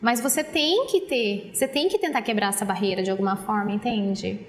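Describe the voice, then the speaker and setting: An English teacher appears as a guest in a casual interview, speaking Brazilian Portuguese with a rolled-back R typical of the Paraná countryside. She's encouraging and chatty and imitates her students' voices, talking slightly fast at a medium pitch.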